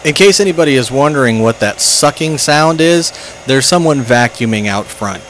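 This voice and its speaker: A man's voice: mid-range voice, animated, moderate pace, fairly bright tone, a little hiss or hum, rough recording. A man joking wryly as a guest in a radio studio. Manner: wry, joking. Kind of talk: casual radio banter.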